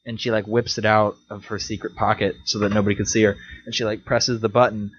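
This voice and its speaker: A young man co-hosting a casual podcast, playful and joking, often laughing and jumping into silly high voices. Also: level tone, fast talker, a bit bright, slightly rough. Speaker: podcast co-host. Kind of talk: casual chat. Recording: dull lo-fi sound.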